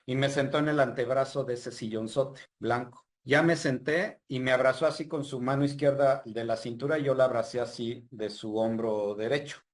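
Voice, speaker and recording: A man's voice: mid-range voice, moderate pace, hardly any pauses. A man casually telling a personal story, animatedly acting out the dialogue with frequent fillers. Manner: animated retelling with quoted dialogue, many fillers. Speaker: guest storyteller.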